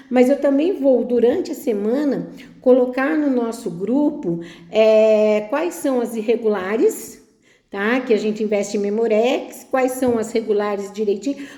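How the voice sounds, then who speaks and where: A fairly high-voiced woman gives a spelling lesson. She explains step by step, asks questions and keeps checking that her listeners follow. Her voice rings in an echoey room. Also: warm tone. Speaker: teacher.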